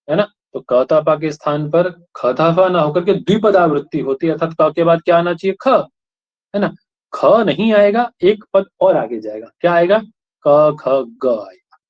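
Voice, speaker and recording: Questioning male teacher, lo-fi sound. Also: fairly high pitch. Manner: keeps questioning students and checking they understand. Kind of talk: classroom lecture. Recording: dull lo-fi recording.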